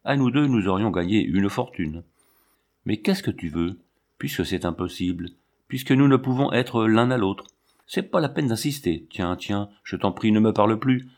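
A proud, firm middle-aged woman in a storybook reading, voiced by a man. She speaks sternly in a low voice and holds her ground, turning away an advance. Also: expressive, normal speed, darkish tone. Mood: pleading.

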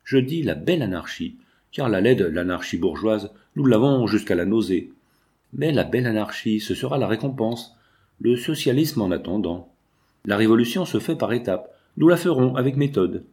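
A man's voice: fairly low pitch, animated, normal speed, warm tone. A man narrating a novel as an audiobook, his voice lifting for the quoted dialogue.

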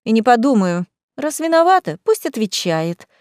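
A woman voicing a spiteful, shrieking middle-aged mother in a storybook reading, high and sharp. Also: very animated, moderate pace, clean tone, no echo, clean studio sound. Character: spiteful shrill middle-aged mother, town official's wife.

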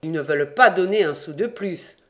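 A man voicing a gruff, blunt smuggler dressed as a bear, in an audiobook. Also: a little high, lively intonation, normal speed, bright, forceful tone.

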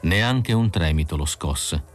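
A man narrating an audiobook in a measured, even manner. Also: sits low, a little hiss or hum. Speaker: audiobook reader.

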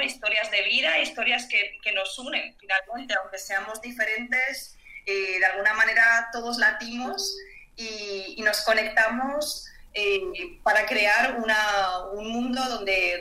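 A woman who works as a social integrator, explaining at length in a steady, reflective way with small fillers. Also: fairly high pitch, echoey room, low-quality recording. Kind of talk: explaining in a radio conversation.

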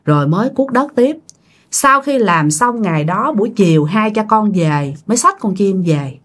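A woman's voice: medium pitch, expressive, moderate pace, fairly bright tone. A woman telling a ghost story in a casual, chatty way, talking straight to her listeners. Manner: chatty, addresses listeners directly.

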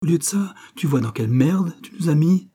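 Guy doing a blunt angry old pal, dark husky voice, scolding hard. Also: on the high side, animated, brisk, voice pushed up. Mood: indignant. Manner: scolding, heated and accusing. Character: Léopold, old friend, blunt and indignant man. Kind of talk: audiobook reading.

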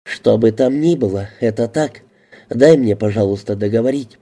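A man reading an audiobook, voicing a calm, dry-humoured police detective. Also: medium pitch, normal speed, lightly acted. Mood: guarded. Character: guarded, wry male police detective.

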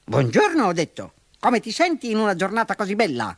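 A woman voicing a cheeky, crafty male rabbit in a storybook reading, with a high squealing voice. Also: wildly swooping pitch, fairly quick, husky, faint music behind, heavily acted. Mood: cheerful.

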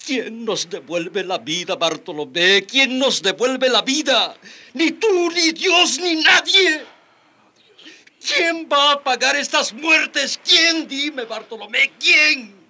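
In a radio drama set to background music, a male narrator and character actor gives first-person narration as a haunted, grieving witness, telling his story slowly and sorrowfully before breaking into anguished outcry. His low voice is bright, forceful, and husky, a full character voice steeped in anguished despair.

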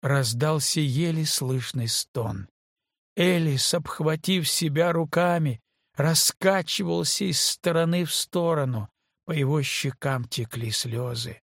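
A man reading an audiobook in measured scripted narration. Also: fairly high pitch, vocal fry, dry recording, studio quality.

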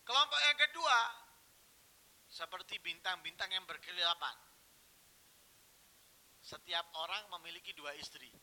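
A man preaching a sermon, telling stories and swinging from hushed, quiet phrases to loud, emphatic ones. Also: high-pitched, a little hiss or hum, poor audio.

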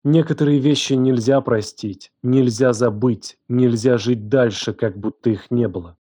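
A man voicing a distraught young woman who raised the man she now accuses, her voice trembling, shouting and hissing. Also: medium pitch, measured pace, breathy edge, dry recording, studio quality. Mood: bitter. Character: distraught furious young woman, betrayed guardian.

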